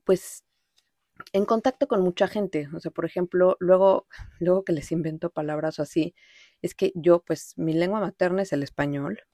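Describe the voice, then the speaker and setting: A low, mellow voice belongs to a podcast host from Mexico City who speaks with a Mexican accent. In an informal, rambling personal monologue she reflects on her life, using some English words now and then, captured at studio quality without room sound.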